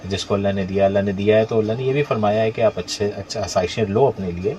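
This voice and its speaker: A man with a lowish, dark voice hosts a radio talk show, with a little hiss or hum in the background. He questions his guest in a conversational way and keeps affirming him with frequent interjections.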